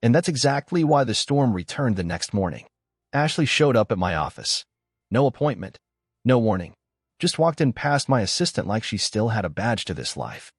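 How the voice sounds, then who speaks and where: A man narrating a first-person story in a calm, measured, scripted way. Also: medium pitch, slightly rough, no room sound, studio quality.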